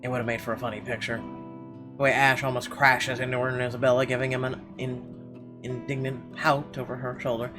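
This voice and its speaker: A man plays a visual novel on a let's play, reading the dialogue expressively and chatting casually between lines. He speaks briskly at a medium pitch in a level tone, accompanied by guitar game music.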